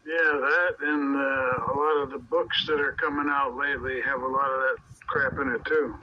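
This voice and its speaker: A man chatting casually over CB radio, giving his opinions in a plain-spoken, halting way. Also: medium pitch, steady tone. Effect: CB radio transmission. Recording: muffled noisy CB radio transmission.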